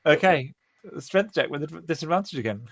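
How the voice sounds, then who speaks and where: A man running a tabletop game as dungeon master, wry and quick to laugh as he narrates. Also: fairly high pitch, lively intonation, background noise.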